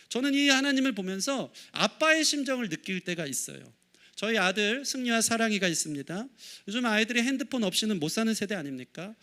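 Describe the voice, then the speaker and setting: A pastor in his forties preaching a sermon in a church, telling stories and acting out voices along the way. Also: high-pitched. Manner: animated storytelling, acting out his kids and himself. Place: church sanctuary.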